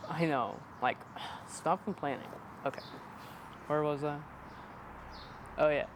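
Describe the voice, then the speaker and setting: A twenty-one-year-old amateur videographer, being interviewed, chats casually in a rambling, self-deprecating, playfully joking way. His voice is on the high side and he takes it slowly, with background noise present.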